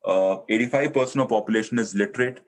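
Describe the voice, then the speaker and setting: A man with an Indian accent hosting a live session, presenting and introducing a guest in a hesitant, halting way. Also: lowish voice.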